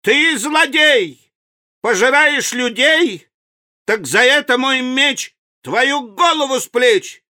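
A man voicing a brave boy hero in a storybook reading, declaiming loudly and defiantly. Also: extremely high pitch, lively intonation, takes it slowly, pitched above the performer's own voice, heavily acted.

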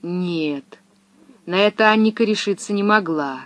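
A woman's voice: mid-range voice, normal speed, no echo. Woman reading a storybook aloud. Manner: lively, expressive reading. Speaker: narrator. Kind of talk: storybook narration.

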